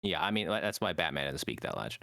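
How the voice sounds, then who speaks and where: Laughing, animated podcast host man. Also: rumbling low, creaky, dry recording, studio quality. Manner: laughing, halting, eager director of bits. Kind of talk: casual comedy podcast chat.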